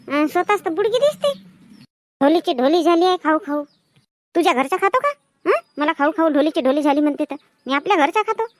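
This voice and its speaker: A woman playing a sharp-tongued village woman who quarrels and talks back fast in a comedy sketch. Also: very high voice, no echo. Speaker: sketch actress.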